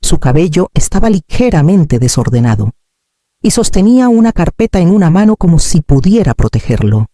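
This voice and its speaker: A man reading a first-person drama story in a calm, measured way. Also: fairly high pitch, no room sound, clean studio sound. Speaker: narrator.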